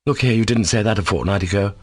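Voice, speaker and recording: A man reading an audiobook, voicing an enraged young nobleman who shouts and gives orders. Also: lowish voice, fast talker, no echo, close to an everyday voice. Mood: furious. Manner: shouting, peremptory. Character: furious young nobleman, agitated and imperious.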